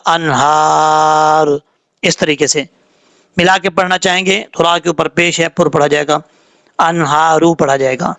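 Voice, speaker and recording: A man with a Pakistani Urdu accent teaching Quran recitation word by word. He spells out letters and vowel marks slowly, then explains the rules quickly. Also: fairly high pitch, fairly bright tone.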